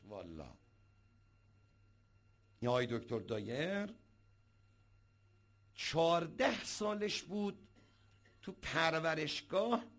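A cleric delivering a sermon in a fairly high, swooping voice that rises and falls as he tells stories. He slips into the voices of the people he quotes, giving his preaching an animated, storytelling feel. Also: vocal fry, slightly rough. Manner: animated storyteller who acts out quoted speakers.

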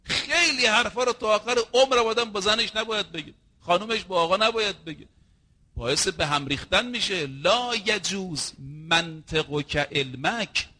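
High bright-voiced male preacher. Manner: storytelling, acting out quoted dialogue; addresses listeners directly as brothers and sisters. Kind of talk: sermon.

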